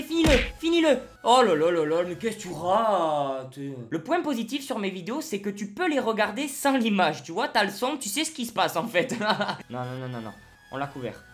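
A man giving excited live commentary on his own football video game match at home, swinging between loud shouts and low muttering. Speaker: gaming YouTuber. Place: at home alone.

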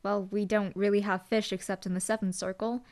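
A young adult woman, speaking fairly quickly in a medium-pitched, level voice that's a little mellow, lightly acts the part of a dry, teasing, laid-back female hellhound demon bodyguard in an audio roleplay.

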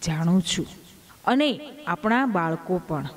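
Woman voicing a calm, devout poor man. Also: lowish voice, takes it slowly, pitched below the performer's own voice. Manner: short, calm replies.

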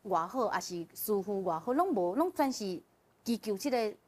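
A woman as a guest telling a personal story in casual chat, animated and often laughing as she relives the emotion. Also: medium pitch, moderate pace. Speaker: guest sharing a personal testimony.

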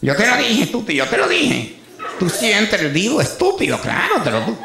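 A man putting on a shrill nagging wife. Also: wildly swooping pitch, moderate pace, creaky, background noise, full character voice. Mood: scolding. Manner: shrill scolding. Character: bossy nagging wife scolding her husband. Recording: echoey stage with audience laughter.

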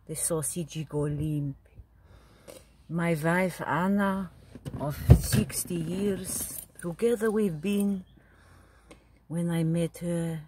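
Woman putting on a slow, super husky old grandpa, rambling on in broken english, jealous and bawdy. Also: fairly low pitch, warm tone, exaggerated voice. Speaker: comedy video character. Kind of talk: comic character monologue.

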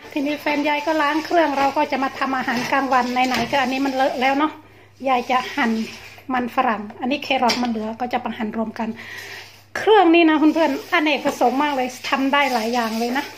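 A middle-aged Thai woman narrates a home cooking vlog from a small indoor kitchen, chatting in a playful, casual way. Her voice sits high and moves a little fast, with noise in the background.

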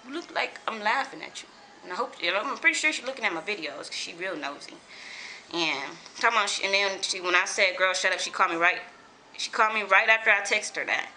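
Twenties woman venting at home, bright voice, swears a lot, bit of noise behind. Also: mid-range voice, low-quality recording. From California. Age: 20s. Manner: animated, swears freely, repeats herself. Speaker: vlogger. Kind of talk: casual vlog rant.

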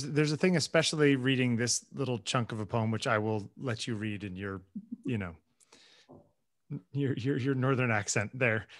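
A man's voice: mid-range voice, no echo, studio quality. A man co-hosting a casual conversation, wry and searching, repeating words as he thinks aloud. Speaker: photographer and co-host.

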